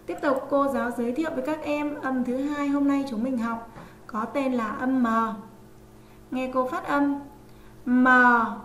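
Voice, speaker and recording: A woman teaching an online reading lesson to young children, stretching out each sound slowly as she spells out syllables. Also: high-pitched, steady tone, roomy sound, soft background music. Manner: slow, drawn-out sounding out of letters. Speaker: online primary school teacher.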